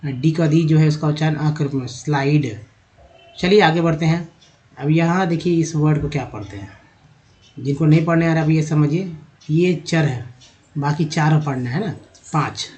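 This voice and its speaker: A man teaching English pronunciation to viewers, slowly spelling out letters and sounding out words, often calling his viewers friends. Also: fairly high pitch, darkish tone. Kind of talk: explaining a lesson in Hindi.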